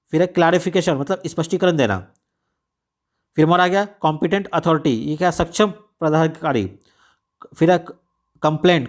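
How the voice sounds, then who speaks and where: A young man from India teaching an exam-prep lesson, explaining conversationally with rhetorical questions and repetition. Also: fairly high pitch. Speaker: exam tutor. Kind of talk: casual spoken lecture.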